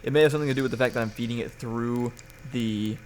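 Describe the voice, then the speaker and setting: A man's voice: mid-range voice, fairly even intonation, fast talker, darkish tone, slight background noise. A young man hosting a casual livestream podcast on poor-quality audio, rambling and restarting his sentences. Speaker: podcast host.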